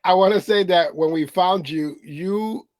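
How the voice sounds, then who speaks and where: A man's voice: sits high, measured pace, a little mellow, no echo. A man hosting a podcast, asking questions in a casual chat with many fillers and restarts. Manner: hesitant, filler-heavy questioner. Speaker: podcast host.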